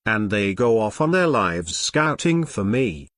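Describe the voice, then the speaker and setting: A man reading an audiobook aloud in a wry, mock-grandiose way, with dramatic pauses, close to the mic. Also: on the low side, big pitch swings, fairly bright tone, dry recording. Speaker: audiobook narrator. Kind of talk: scripted narration.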